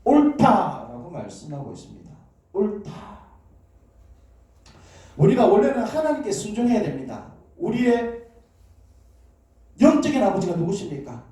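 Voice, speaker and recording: A man's voice: high-pitched, sing-song, moderate pace, long pauses, dark tone. A man preaching a sermon in a church, drawing the congregation in with questions and calls for amens. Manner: call-and-response, asking questions and prompting amens. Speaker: pastor. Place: church sanctuary. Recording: echoey church hall, distant mic.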